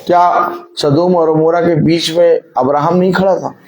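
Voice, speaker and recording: A man's voice: fairly high pitch, fairly even intonation, normal speed, rough recording. Man preaching, firing rhetorical questions. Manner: fires rhetorical questions at the congregation. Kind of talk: sermon with call-and-response.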